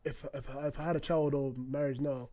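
A man's voice: medium pitch, fairly even intonation, fairly quick, dark tone, dry recording. A man in his twenties with a London accent, chatting casually and teasingly as a podcast co-host, often repeating his phrases. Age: 20s.

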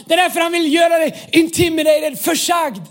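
A man pastor preaching an impassioned sermon, often raising his voice to a shout and dropping English phrases into his talk. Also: very high-pitched, steady tone.

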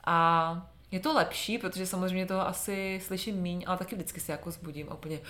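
A young woman with a lowish voice talks in a reflective, unhurried way and at times sinks to a quiet murmur. The room around her rings with echo. She co-hosts a casual chat. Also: fairly even intonation, a little hiss or hum. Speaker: podcast co-host. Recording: roomy echo.

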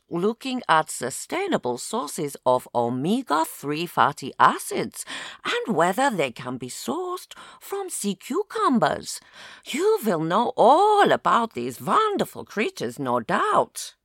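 Woman voicing a boastful man, extravagant English accent, salesy, swooping lively pitch, dry close sound. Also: takes it slowly, no room sound, exaggerated voice. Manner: extravagant, salesy and self-satisfied. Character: showy, boastful man touting a luxury research boat. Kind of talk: audio drama narration with character voices.

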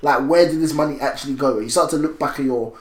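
A man in his twenties with an urban London accent, chatting casually in animated slang and repeating phrases. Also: medium pitch, fast talker. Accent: London, multicultural urban slang. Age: 20s. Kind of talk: casual chat. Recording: echoey room.

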